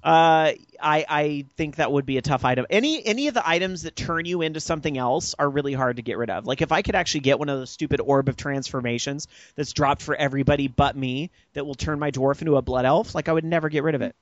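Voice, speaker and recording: A man hosting a casual gaming podcast, chatty and quick to laugh as he reads listener tweets. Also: fairly high pitch, no echo, muffled recording. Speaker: podcast host.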